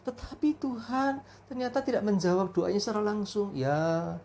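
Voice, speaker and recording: A woman's voice: mid-range voice, normal speed, darkish tone. A woman preaching a family worship sermon, telling stories with frequent fillers.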